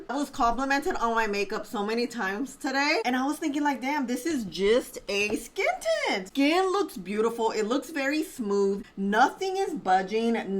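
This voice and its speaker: A woman beauty vlogger chatting casually and expressively to her viewers while testing makeup. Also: fairly high pitch. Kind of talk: casual beauty vlog chat.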